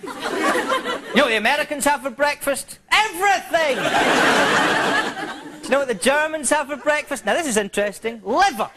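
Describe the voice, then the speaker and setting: A man's voice: extremely high pitch, lively intonation, normal speed, long pauses, crowd noise, noisy background. A Scottish man doing a playful, rambling stand-up routine on a TV studio stage. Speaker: stand-up comedian. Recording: live studio with audience laughter.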